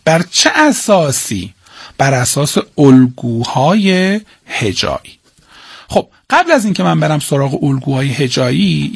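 A man's voice: a little high, vocal fry, slightly rough, no room sound, studio quality. A man teaching a class, asking questions and answering them himself and repeating key points. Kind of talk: classroom lecture on Persian prosody.

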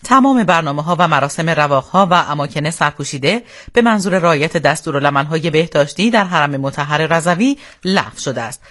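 An Iranian man delivers a radio bulletin as a solemn, formal newsreader. His voice sits a little high for a man. The reading is scripted and measured in tone, as heard from a studio. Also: expressive, a bit bright.

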